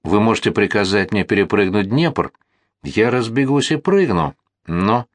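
A man voicing an exhausted, half-deaf male artillery colonel who slurs and shouts his words in a dry audiobook reading. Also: on the low side, lively intonation, normal speed, no room sound, close to an everyday voice. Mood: quiet. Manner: slurring, shouting.

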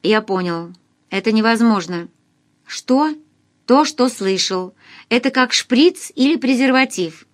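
A woman reading an audiobook, voicing a cowardly man who answers curtly and dismissively on the phone. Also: a little high. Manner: curt, dismissive, nervous. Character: cowardly, evasive man, a former friend.

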